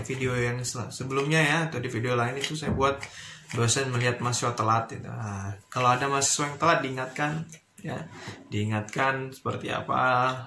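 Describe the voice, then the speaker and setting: A male university lecturer talks casually in a teaching vlog, his mid-range voice carrying a sharp tone. He's chatty and explanatory, dropping in lots of fillers, and the recording comes from an echoey, noisy room.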